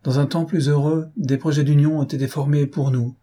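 A man's voice: on the high side, level tone, a little fast, warm tone, husky, pitched above the performer's own voice. A man reading aloud and voicing a grave young woman who speaks with firm, solemn resolve. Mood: resolute.

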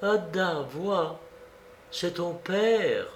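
A man's voice: high-pitched, expressive, very slow, a little hiss or hum, pitched above the performer's own voice, exaggerated voice. A man voicing a desperate, tearful estranged wife who pleads theatrically in an audiobook reading. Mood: imploring. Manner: pleading, theatrical, sobbing outbursts. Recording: roomy echo.

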